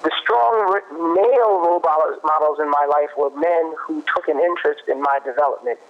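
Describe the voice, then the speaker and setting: A man explaining parenting research in a conversational way, pausing and restarting as he thinks. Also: on the high side, vocal fry. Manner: thoughtful, restarts often, cites research. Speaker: guest expert on parenting. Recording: muffled lo-fi audio.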